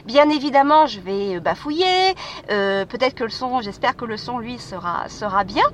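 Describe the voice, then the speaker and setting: A woman's voice: fairly high pitch, expressive, moderate pace. Hesitant woman talking outdoors. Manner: hesitant, many fillers and restarts. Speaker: podcast host. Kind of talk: casual spoken monologue. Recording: street noise with passing vehicles.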